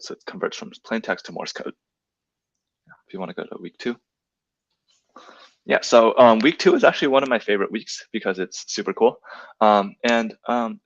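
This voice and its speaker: Low-voiced young man presenting casually. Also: a bit bright, no room sound. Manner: filler-heavy, often adds "right?". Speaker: program presenter. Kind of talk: casual presentation over slides. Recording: dull, lo-fi dry sound.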